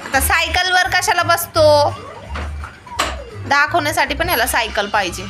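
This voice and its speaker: A woman's voice: high voice, measured pace, music in the background. A woman filming a casual family vlog at home on a phone, coaxing and scolding her small children.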